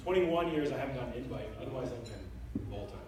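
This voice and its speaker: A young man delivers a best man's wedding toast in a casual, halting, joking style. His voice rings around a big reverberant room and is caught from a distance, with plenty of background noise. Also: mid-range voice, expressive, darkish tone. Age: 20s. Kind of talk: wedding toast, informal speech. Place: large room at a wedding reception with guests. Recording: echoey noisy hall, picked up from far off.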